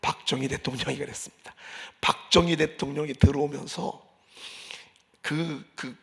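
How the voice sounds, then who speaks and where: A male pastor preaching a sermon in a church, swinging from loud declarations to hushed asides. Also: mid-range voice, steady tone, normal speed, gravelly. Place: church sanctuary.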